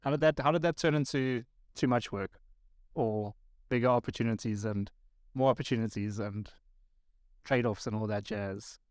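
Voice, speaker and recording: Male host, mid pitch, dry sound, loose casual questions. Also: normal speed, darkish tone, no room sound. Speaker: podcast host.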